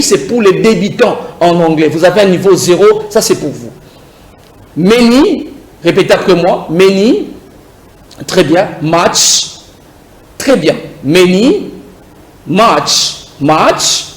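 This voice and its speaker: A man teaching English to beginners on a TV show, drilling words slowly and cheering his students on. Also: high voice, echoey room, low-quality recording. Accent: French-speaking African. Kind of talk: beginner English lesson on TV with phone-ins.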